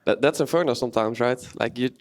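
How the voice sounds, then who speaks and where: A man's voice: medium pitch, fast talker. A man giving casual esports analysis as a guest player, informal and matter-of-fact. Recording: loud clicking noise behind.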